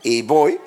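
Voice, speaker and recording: A man from the Republic, preaching as a pastor and telling lively personal stories. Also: medium pitch, breathy edge. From Dominican Republic. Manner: lively storyteller, acts out dialogue and laughs at his own stories. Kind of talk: sermon with personal anecdotes.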